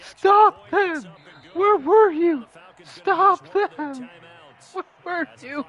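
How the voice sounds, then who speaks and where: A man voicing a frantic football coach who yells desperately at his players. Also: extremely high pitch, very slow, highs cut off, pitched above the performer's own voice, exaggerated voice. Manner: yelling, desperate.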